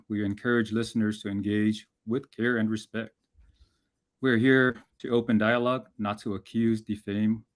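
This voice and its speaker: A man from American Samoa hosts an online community panel on a video call, speaking in a formal, measured way. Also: on the low side. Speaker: host.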